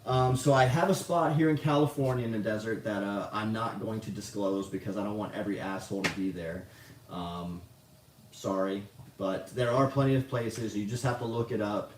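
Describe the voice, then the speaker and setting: A lower-voiced man chatting casually on a livestream, rambling, swearing freely and poking fun at himself. He sits back from the mic, so his voice carries a roomy echo. A faint hum of noise sits underneath. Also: moderate pace, far from the mic. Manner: rambling, profane, self-mocking. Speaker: livestream host answering chat.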